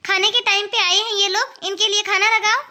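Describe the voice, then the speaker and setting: A woman doing a doting cartoon mother, fretful and gentle, very high-pitched, bright voice. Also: fairly even intonation, fairly quick, slight background noise, exaggerated voice. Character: gentle aging mother, soft-hearted mother-in-law. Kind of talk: cartoon dubbing.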